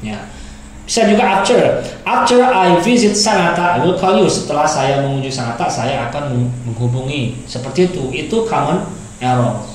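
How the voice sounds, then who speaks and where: A man's voice: a little high, expressive, normal speed, slight background noise. Man teaching grammar in an echoey room. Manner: explains patiently, repeats and rephrases examples. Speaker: English teacher. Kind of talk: grammar lesson.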